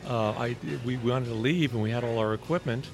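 A man podcasting in a casual conversational way, with a halting delivery that often repeats words. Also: medium pitch, over music. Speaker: podcast co-host. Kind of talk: casual conversational storytelling and complaint.

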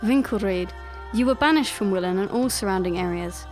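Brief: narrator putting on a raised, suspicious villager voice, stern and accusing. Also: male voice, high voice, fairly quick, faint music behind, pitched above the performer's own voice, natural voice. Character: wary, stern villager confronting an outcast. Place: makeshift room with echo.

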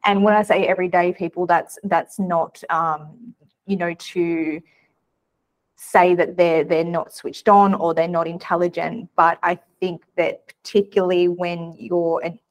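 A woman's voice: on the low side, little pitch movement, a little slow. Chatty woman podcast host. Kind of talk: casual interview.

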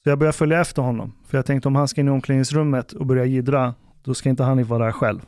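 A man's voice: medium pitch, no echo, clean studio sound. A man hosting a podcast, telling a story in casual chat and acting out what people said. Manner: animated storyteller acting out quotes. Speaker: podcast host.

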